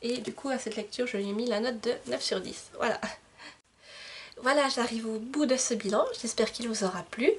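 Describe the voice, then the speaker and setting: A woman's voice: on the high side, moderate pace, a little hiss or hum. A young woman chatting casually about her month's reading, hesitant, with frequent fillers and restarts. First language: French. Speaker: book vlogger.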